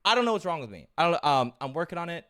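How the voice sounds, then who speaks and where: A man telling a travel story in an animated, profane, self-mocking way. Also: a little high, fast. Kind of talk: casual storytelling.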